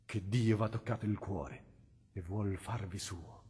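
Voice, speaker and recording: A venerable old cardinal in an audiobook, speaking softly and affectionately in a low, husky voice, as a male reader puts him on. A long reverb trails his words. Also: normal speed. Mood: calm. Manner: affectionate, calm, lower and softer speech.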